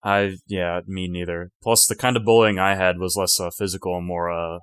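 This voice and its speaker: A man's voice: sits low, flat delivery, a bit bright, clear, resonant tone, dry recording. A man co-hosting a movie podcast, speaking drily and hesitantly in casual chat. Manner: dry, hesitant, drawn-out words. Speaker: podcast co-host.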